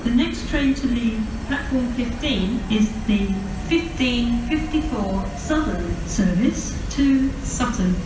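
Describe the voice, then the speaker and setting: British woman, train station announcement, slow formal delivery, very echoey tannoy, station noise behind. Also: a little high, recorded from a distance. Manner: formal, measured, listing stops one by one. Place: large railway station, over public address. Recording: echoey, noisy station tannoy heard from afar. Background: station ambience noise.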